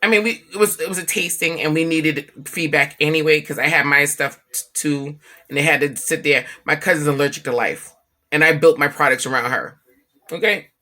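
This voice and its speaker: Woman vlogger w a bright forceful voice, swears a lot, acts out everybody in her stories. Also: sits low, a little fast. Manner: animated, profane, acts out what others said; emphatic, repeats herself for effect. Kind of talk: casual storytelling vlog.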